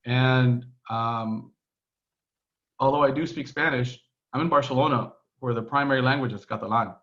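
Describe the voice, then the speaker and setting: Speaking at a moderate pace in a mid-range, slightly bright voice, a Texas-born American man with a Texan accent is heard with the highs cut off. As a podcast guest on a remote call from his Barcelona home, he tells his story in an easygoing, meandering conversational interview, often restarting and using fillers.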